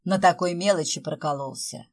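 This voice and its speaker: A woman's voice: fairly low pitch, normal speed, darkish tone. A woman reading the part of a playful, teasing man who works as Father Frost, with joking, mock-solemn delivery.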